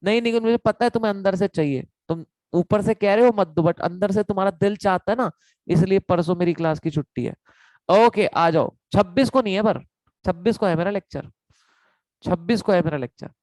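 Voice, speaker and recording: A man, quite high-pitched, teaches an online class and chats and jokes with his students between points. The sound is dry and close, with no room around it. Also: fairly quick, darkish tone, no room sound, low-quality recording. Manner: chatty, joking, addresses students as kids. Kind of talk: casual online lecture.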